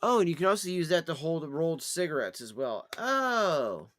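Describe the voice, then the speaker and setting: A man's voice: a little high, lively intonation, quick pace. A man chatting casually and thinking aloud as he hosts a live review, in a loose, slangy way. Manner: slangy, addresses listener as dude or by name. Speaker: host of a pipe tobacco review show.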